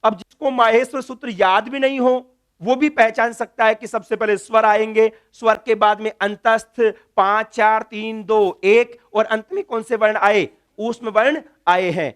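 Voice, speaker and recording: Guy teaching grammar, really high voice, clear and smooth, asks then answers himself. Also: steady tone, moderate pace, a bit bright. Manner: drills letters one by one, asks questions and answers them himself. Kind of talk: classroom lecture.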